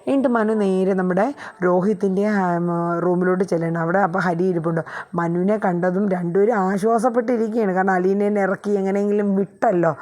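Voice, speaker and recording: Woman chatting thru a tv serial recap, lots of little "aa" fillers, mid pitched, easygoing. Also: darkish tone. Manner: chatty retelling with frequent "aa" fillers. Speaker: TV serial reviewer. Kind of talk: casual episode recap.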